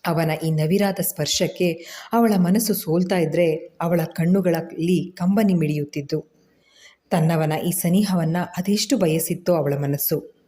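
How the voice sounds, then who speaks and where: A woman narrating a serialized audio story in a steady, even storytelling manner. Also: lowish voice.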